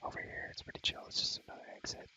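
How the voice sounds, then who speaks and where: In a breathy ASMR whisper, a young man rambles through slang-filled commentary on a game world, softly echoing his own phrases. He speaks very fast.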